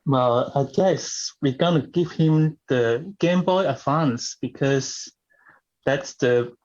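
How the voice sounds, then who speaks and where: A man performing improvised comedy scenes, speaking haltingly as he searches for his words. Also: mid-range voice, a little mellow, dull audio.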